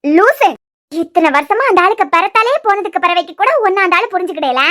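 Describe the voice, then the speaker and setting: A woman's voice: expressive, a little fast, fairly bright tone, slight background noise. A woman voicing a blunt, protective young woman friend in a cartoon serial. She speaks with a Kanyakumari Tamil accent in a scolding, incredulous way. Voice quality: very high-pitched.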